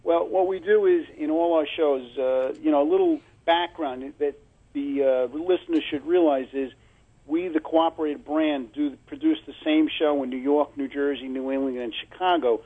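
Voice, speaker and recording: A man with a thick-textured, husky voice and a Brooklyn accent speaks as a guest in a radio interview. His voice sits a bit high for a man and comes through a narrow telephone line. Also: steady tone, normal speed. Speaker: phone-in guest, trade show organiser. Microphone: phone call.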